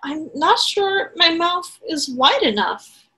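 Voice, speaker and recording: A courteous, hungry anteater from a storybook, apologizing and asking questions in a high, lively voice that climbs and dips, as a woman reading aloud puts it on. The delivery is slow and bright. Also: exaggerated voice. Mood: polite. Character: polite hungry young anteater.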